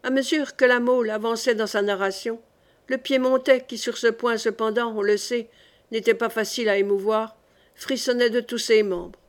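A woman reading a classic novel aloud in a measured, expressive narration. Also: on the high side. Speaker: audiobook reader.

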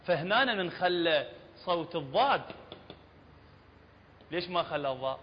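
High-voiced Iraqi man teaching in a hall. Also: lively intonation. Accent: Iraqi Arabic. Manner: explanatory, checks understanding often, demonstrates sounds slowly. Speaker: Quran recitation teacher. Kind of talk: classroom lesson on tajweed. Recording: dull lo-fi recording with long hall reverb and faint hum.

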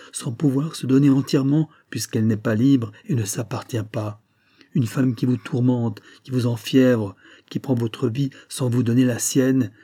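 A man's voice: medium pitch, warm tone, breathy edge, no echo, clean studio sound, close to an everyday voice. A man reading as an anguished married lover. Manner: impassioned, pleading, tremulous. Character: guilt-torn married woman, anguished older lover.

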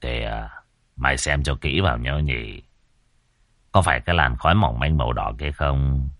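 A man voicing a stern old male exorcist master who scolds his disciple in a low, gruff voice. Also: normal speed, a bit bright, no echo. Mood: gruff scheming.

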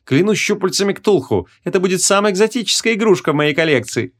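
A man's voice: high-pitched, expressive, quick pace, pitched above the performer's own voice. A man voicing a small, dainty male sorcerer with a sugary sweet voice, playful and smug in an audiobook.

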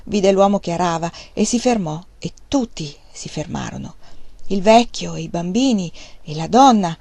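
A woman reading a novel aloud in an expressive, dramatic audiobook style. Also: lowish voice, normal speed, vocal fry, no room sound. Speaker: audiobook reader.

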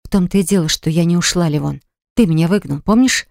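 A woman's voice: on the low side, fast talker, gravelly, a little mellow, dry recording. Audiobook: cold, curt young mother, woman reader's own register, dry close sound. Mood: resentful. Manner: curt, stern, clipped. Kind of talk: audiobook dialogue.

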